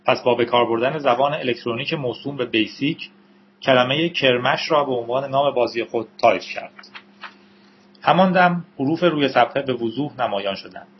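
A man reading a novel aloud as an audiobook narrator, in steady storytelling with the odd aside to listeners. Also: mid-range voice, dull audio, a little hiss or hum.

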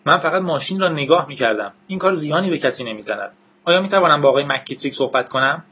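A man's voice: on the high side, lively intonation, husky, dull audio, voice pushed up. A man voicing a frantic, pleading young man in a raised, urgent voice.

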